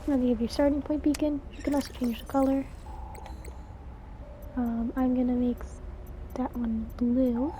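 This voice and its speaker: A woman gives casual walkthrough commentary for a video game, guiding step by step. Her voice is fairly high but very soft-edged and dark in tone, with clear game noise behind it. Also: flat delivery, normal speed, pauses often. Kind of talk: casual gameplay commentary and instructions. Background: game sound.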